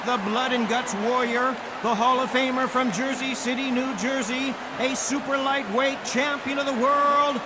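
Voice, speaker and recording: A man playing a grand boxing ring announcer, theatrically introducing fighters with stretched-out, shouted names. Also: very high voice, steady tone, moderate pace, a loud crowd. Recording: very noisy arena announcement.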